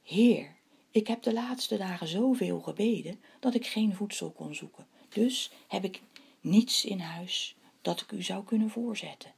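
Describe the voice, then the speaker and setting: A woman reading the part of a humble, pious male hare in a storybook tale, with a husky, breathy voice. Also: mid-range voice, unhurried, darkish tone, full character voice.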